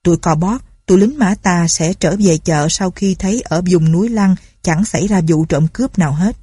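A woman's voice: fairly low pitch, moderate pace, warm tone, breathy edge, no room sound, studio quality. A woman voicing a ruthless, suspicious male bandit chief who talks in a harsh, threatening way. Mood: menacing.

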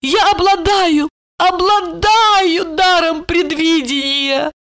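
A woman voicing a drunk, frightened woman who wails in a shrill, hysterical way, in a storybook reading. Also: slow, a bit bright, heavily acted.

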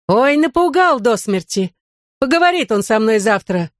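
A woman's voice: on the high side, sing-song, moderate pace, no room sound, clean studio sound, pitched above the performer's own voice. Woman doing a brazen mocking young woman. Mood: taunting. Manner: lazy mocking taunts.

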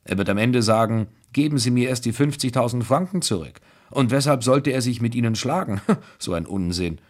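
A man's voice: mid-range voice, lively intonation, a little fast, voice pushed up, lightly acted. Man reading as a bitter proud young woman. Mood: mocking. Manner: bitter, agitated speech.

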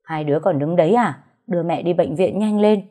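A woman's voice: lowish voice, brisk, close to an everyday voice. A woman voicing a panicked middle-aged husband. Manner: frantic, shouting.

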